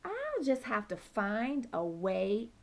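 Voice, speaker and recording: Woman doing a loud, higher-pitched male dog, shouty and indignant, in a children's book read-aloud, slight gravel in the voice. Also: wildly swooping pitch, slow, a little hiss or hum, exaggerated voice. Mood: determined. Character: excitable male dog obsessed with hating squirrels.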